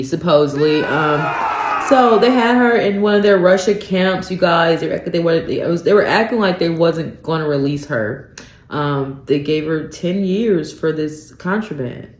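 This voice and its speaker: A woman hosts her own radio talk show alone, speaking at an unhurried pace. She rants with growing disbelief and keeps addressing listeners as "you guys." Her voice carries a roomy, echoey studio sound. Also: deep voice, animated, noisy background. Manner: incredulous ranting, peppered with "you guys" and "um". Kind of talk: solo radio talk commentary.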